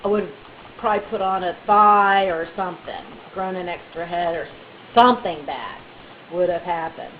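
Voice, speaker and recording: A woman telling a funny personal story in a chatty, animated way, with bits of playful baby talk. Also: lowish voice, moderate pace, highs cut off, slight background noise. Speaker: vlogger.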